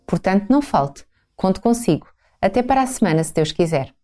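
A woman's voice: medium pitch, animated, brisk, mellow. A woman with a European Portuguese accent hosting a radio programme, interviewing and presenting in a prepared style. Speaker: radio host.

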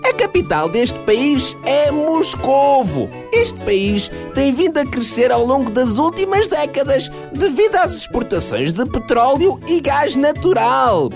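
A performer voicing an excitable cartoon mascot who guides small children on trips, with a bright, squeaky, sing-song welcome and a European Portuguese accent. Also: measured pace, hardly any pauses, full character voice. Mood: cheerful, welcoming. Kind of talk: children's radio travel segment. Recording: music behind the voice.

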